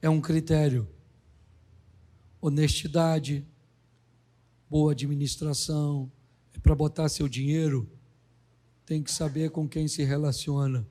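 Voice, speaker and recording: A middle-aged pastor preaches a humorous sermon, his voice on the high side as he acts out dialogue in quick, animated voices.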